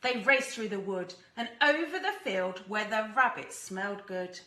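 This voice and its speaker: A woman teacher reading a rhyming storybook aloud to young children in an expressive, deliberate way. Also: medium pitch, roomy sound. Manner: animated, deliberate, acts out characters and asks listeners questions.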